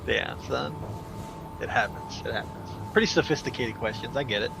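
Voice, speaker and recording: Over music, a young man's creaky, mid-range voice comes through at normal speed as he streams outdoors in a joking casual chat. He teases, laughs often, and restarts his words, and the street recording is noisy.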